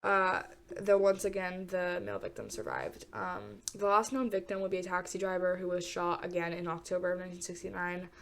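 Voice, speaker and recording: Fairly quick and creaky, this young woman's fairly low, congested voice wanders through a true crime tale as she games, stumbling over fillers and starting sentences again. Loud keyboard typing runs behind her.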